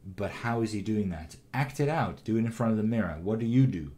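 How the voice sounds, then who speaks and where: A man teaching animation, giving a calm, encouraging critique of a student's shot with frequent ums and restarts. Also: fairly low pitch, a little fast. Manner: calm, encouraging, many fillers. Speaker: animation instructor. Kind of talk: recorded critique of student work.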